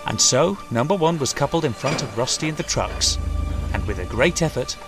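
A man's voice: mid-range voice, expressive, normal speed. Man reading a storybook. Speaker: narrator. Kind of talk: storybook narration. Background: music.

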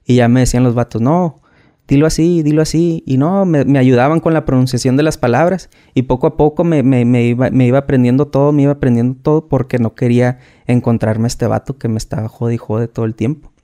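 A man with a Mexican accent speaks as a guest on an interview podcast, recounting his experiences in loose, slang-heavy storytelling. His voice is mellow and middle-pitched, and he often repeats and restarts words as he goes. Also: steady tone, fast. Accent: Mexican Spanish.

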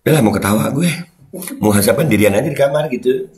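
A man's voice: medium pitch, animated, quick pace, a little mellow, roomy sound. A man hosting casual commentary among friends, teasing and sarcastic, laughing often. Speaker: host of a commentary channel. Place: room shared with a small group of friends.

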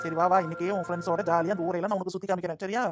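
Jolly cartoon grandpa, lowered voice, put on by a woman, hearty and welcoming, music behind. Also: steady tone, very fast, lightly acted. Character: jolly village grandfather, cartoon old man. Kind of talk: cartoon voice acting.

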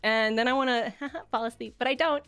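A woman with a fairly high voice chats casually to her livestream audience. She is playful and giggly, often poking fun at herself. Light music plays behind her. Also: moderate pace, a bit bright. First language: English. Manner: playful, giggly, self-deprecating. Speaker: streamer. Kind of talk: casual livestream chat, debut introduction. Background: background music.

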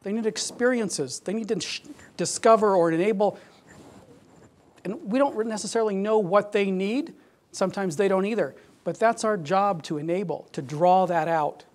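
A man's voice: high voice, moderate pace. A man moderating a fundraising meeting, talking energetically and with emphasis to a room. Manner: energetic, emphatic, acts out quoted donors. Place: large meeting room at a club.

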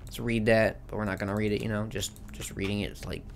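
A man's voice: on the low side, steady tone, quick pace, gravelly, slight background noise. A man hosting a gaming video with casual, rambling, jokey and slangy commentary.

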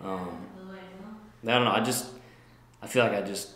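A man's voice: lowish voice, normal speed, fairly bright tone, echoey room. A man in his twenties from Montana, answering interview questions casually with many fillers and restarts. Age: 20s. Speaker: guest. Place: lounge room indoors.

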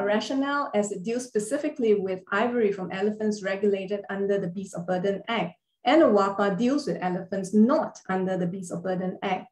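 Over a video call, a woman lectures on legal points step by step, reading through her slides with occasional pauses and small fillers. Her middling, slightly mellow voice moves at a measured pace and echoes roomily in a small room. Thai is not her first language.

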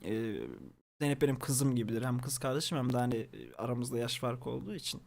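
A young man from Turkey, a streamer, casually telling stories to his chat, animated and swearing freely. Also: mid-range voice, fast, gravelly.

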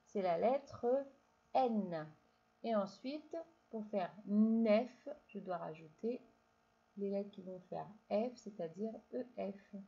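A woman's voice: medium pitch, gravelly, warm tone, dull audio. A woman teaching a reading lesson to young children, speaking patiently and stretching out syllables. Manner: slow, patient, drawn-out syllables, addresses child directly. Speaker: primary school teacher.

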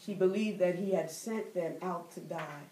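A woman's voice: lowish voice, warm tone, a little hiss or hum. A middle-aged woman teaching a Bible study as a preacher, drawing out key words and calling for responses from the room. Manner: call-and-response preaching with drawn-out emphasis. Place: church library room with bookshelves. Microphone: far camera, no mic. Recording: echoey room from far off.

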